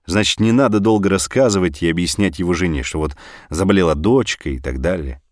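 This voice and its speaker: A man narrating an audiobook story in an expressive, animated reading. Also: low voice, brisk, no echo, clean studio sound.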